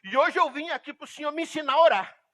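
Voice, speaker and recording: A man voicing an anxious young man who begs his pastor to teach him to pray, pleading and breaking into a desperate shout. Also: very high-pitched, animated, fast, voice pushed up. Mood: eager. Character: anxious young man seeking to learn prayer.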